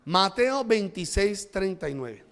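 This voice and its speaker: A man's voice: sits high, very animated, measured pace, a bit bright. A male pastor preaching a sermon in a church, with emphatic rises and drops, acting out the prayers he quotes.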